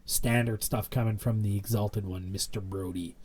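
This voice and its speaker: A man's voice: fairly low pitch, fairly even intonation, normal speed, a little mellow, breathy edge. A young man co-hosting a podcast, rambling through a casual wrestling recap with lots of fillers. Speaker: podcast co-host.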